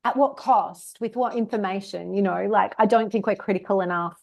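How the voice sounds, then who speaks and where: An Australian woman talks as an expert guest in a mid-range voice. She argues briskly, posing rhetorical questions and answering them herself, with a casual "you know, like" along the way. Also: mid-range voice, gravelly, darkish tone, dull audio. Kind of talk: conversational interview.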